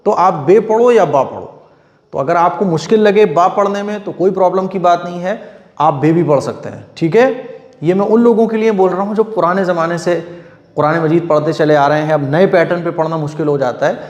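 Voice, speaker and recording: A man's voice: high voice, animated, brisk, darkish tone, dull audio. A middle-aged man teaching Quran reading, patiently repeating and drawing out each letter sound in a step-by-step lesson. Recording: echoey room with long reverb.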